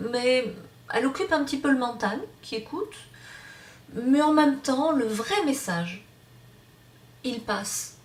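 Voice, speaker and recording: A woman's voice: high voice, far from the mic. A woman teaching a hypnosis course, explaining off the cuff with many fillers and restarts. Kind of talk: online lecture. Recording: roomy sound from off-mic.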